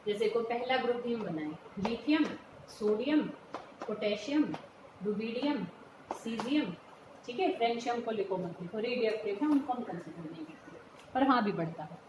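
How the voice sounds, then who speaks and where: A woman's voice: fairly high pitch, expressive, normal speed. A woman chemistry teacher giving a patient step-by-step lecture, often checking whether her students follow. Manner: patient, explains step by step, checks understanding by calling students "beta". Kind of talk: classroom lecture mixing Hindi and English terms. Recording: echoey room, faint background hum.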